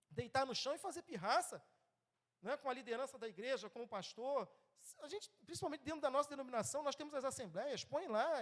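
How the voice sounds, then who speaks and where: A man in his thirties with a Brazilian Portuguese accent, preaching a sermon in a church, conversational and often checking in with the congregation. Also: very high voice. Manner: lively, swings between loud and soft.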